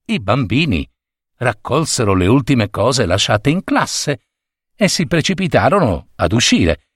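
A man reads a children's story aloud with a lively, sing-song voice that swoops up and down. He takes his time, and the recording is close and dry. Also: mid-range voice, a little slow, slightly rough, no echo. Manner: expressive, dramatic storytelling. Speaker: narrator.

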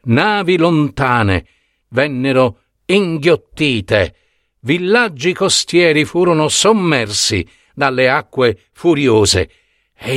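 A man's voice: mid-range voice, fairly bright tone, dry recording, clean studio sound. A man narrating a mythological story in a scripted, dramatic manner. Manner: dramatic, wide-ranging storytelling.

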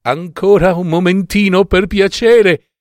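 A man's voice: high voice, fairly even intonation, a little slow, no room sound, studio quality, voice pushed up. A man voicing a terrified young wife, pleading anxiously and breathlessly in a raised voice. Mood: stalling.

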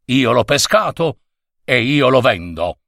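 Man as a storybook fisherman, stubborn, shrewd, slow, matter-of-fact. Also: mid-range voice, big pitch swings, vocal fry, fairly bright tone, no room sound, studio quality, full character voice.

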